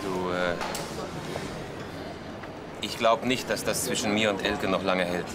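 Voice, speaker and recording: A man's voice: deep voice, fairly even intonation, a little slow, loud music behind the voice. An actor in his thirties playing a friendly, teasing colleague in a TV drama, talking in an easygoing way. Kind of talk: TV series acting. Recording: clear background noise.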